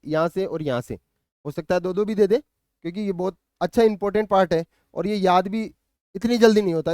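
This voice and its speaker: High, smooth-voiced male coaching teacher. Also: a little mellow, no echo, studio quality. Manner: explains patiently, often checks in with "ठीक है ना"; thinks aloud with hesitant fillers and restarts. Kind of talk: syllabus walkthrough lecture.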